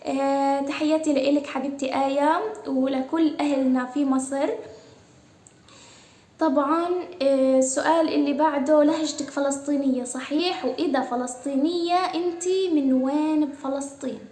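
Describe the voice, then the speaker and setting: High-voiced Palestinian young woman vlogger. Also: steady tone, normal speed, dark tone, echoey room. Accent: Palestinian Arabic. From Gaza, Palestine. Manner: chatty, hesitant with frequent "aah" fillers. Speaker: YouTuber answering follower questions. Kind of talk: casual Q&A vlog.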